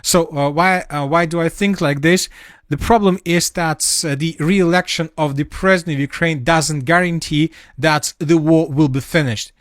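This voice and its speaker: Halting man analyzing war news. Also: on the high side, fairly even intonation, dry recording, clean studio sound. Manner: halting, many fillers and restarts, non-native phrasing. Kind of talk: solo spoken analysis.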